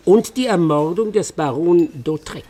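This male actor plays a stern English master detective in a German radio play, delivering terse, dry, self-assured lines. The voice is high yet mellow, gravelly and husky, moving at a normal speed with a confident air.

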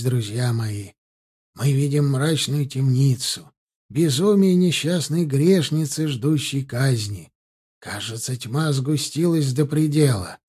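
A man reading aloud gives voice to an excitable old professor in an audiobook, pitched up high with a mellow, husky tone. He talks in eager exclamations. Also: heavily acted. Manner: effusive, exclaiming. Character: excitable elderly male professor.

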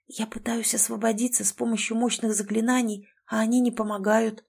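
A woman voicing a young female captive who pleads in a high, anxious voice. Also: brisk, darkish tone, lightly acted. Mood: whispering. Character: young female captive, frightened but brave.

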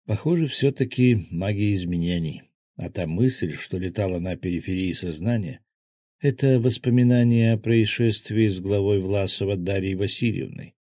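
A man's voice: fairly low pitch, normal speed, warm tone, no room sound. A man narrating a fantasy audiobook in the first person, with a terse, dry inner monologue.

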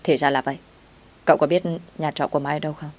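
Concerned young man, low-voiced, read by a woman. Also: level tone, fast talker, a little mellow. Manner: inquiring.

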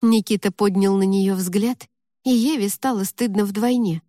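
A woman narrating a fantasy audiobook in a steady, even storytelling manner. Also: medium pitch, a little slow, no room sound, studio quality.

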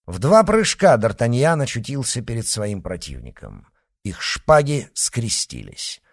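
A man reading a novel aloud with expressive, theatrical narration. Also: mid-range voice, a little slow, no echo, studio quality. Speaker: audiobook narrator.

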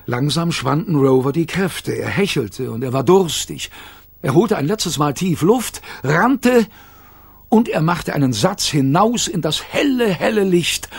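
A man reading a children's audiobook aloud in a playful, expressive storytelling manner. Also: a little high, gravelly, slightly rough, no echo. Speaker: audiobook narrator.

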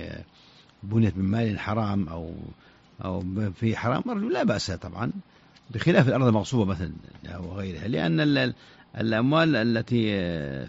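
A man giving unscripted answers to religious questions on radio, halting with many stammered restarts. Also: on the low side, gravelly, breathy edge, muffled recording.

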